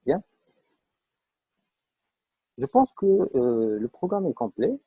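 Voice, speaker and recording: Man teaching code, husky lo-fi audio. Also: medium pitch, big pitch swings, takes it slowly, no echo. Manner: explains step by step with many fillers and checks for understanding. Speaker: programming teacher. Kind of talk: live online class. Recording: dull lo-fi online class audio.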